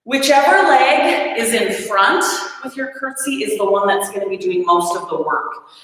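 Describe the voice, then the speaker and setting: A woman's voice: mid-range voice, animated, moderate pace, fairly bright tone. A woman fitness instructor leading a live workout class, coaching in an upbeat way, counting reps aloud and joking about her own effort. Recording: echoey room with long reverb.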